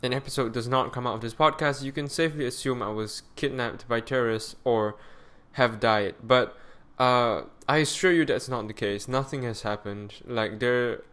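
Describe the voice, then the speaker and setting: A man's voice: mid-range voice, normal speed, few pauses, a bit bright, clear, resonant tone. A man hosting his solo podcast with a tired, weary voice, rambling and correcting himself with many fillers, recorded close on a mic at home. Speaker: podcast host.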